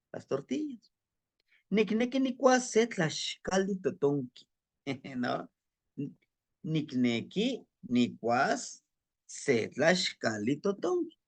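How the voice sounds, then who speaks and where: Man, Mexican Spanish accent, unhurried teacher, repeats words for practice. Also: fairly high pitch, a little mellow. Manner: repeats words slowly for learners to practice, checks with "¿no?". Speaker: Nahuatl language teacher. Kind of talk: slow, patient language lesson.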